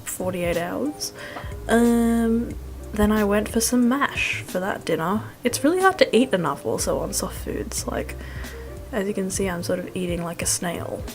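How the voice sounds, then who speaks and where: A young woman narrates a casual food vlog at a middle pitch, with clear music behind her. She rambles in a slangy, self-deprecating way with a wry edge. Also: expressive, unhurried. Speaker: food vlogger.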